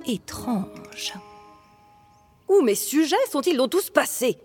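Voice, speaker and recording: A woman voicing a bossy, hot-tempered king who shouts commands in a storybook reading. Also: high-pitched, sing-song, takes it slowly, faint music behind, pitched above the performer's own voice, heavily acted. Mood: bewildered, calling. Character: hot-tempered bossy old king, loud, easily exasperated.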